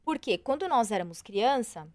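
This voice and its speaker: A woman coach chatting as a podcast guest, animated and expressive, often acting out her own inner voice. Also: a little high, moderate pace, no echo. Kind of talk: casual interview chat.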